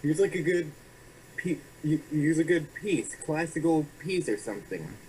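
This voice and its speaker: A young man co-hosting a film review, chatty and a little halting as he adds his points. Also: fairly high pitch, animated, a little mellow, a little hiss or hum, low-quality recording. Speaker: reviewer co-host. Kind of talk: casual review chat.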